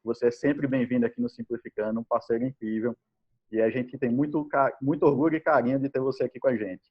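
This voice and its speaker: A Brazilian podcast host chats with a guest over a live video call, friendly and enthusiastic with plenty of fillers. His mid-range voice is steady in tone with a breathy edge, and he talks fast. The call audio is dull and lo-fi.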